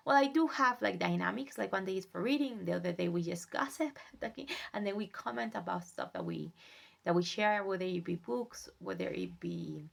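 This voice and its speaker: A young woman whose first language is Spanish, talking in a soft, gentle, reflective way in a casual self-care vlog, sometimes dropping to a whisper. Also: medium pitch, creaky. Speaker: vlogger.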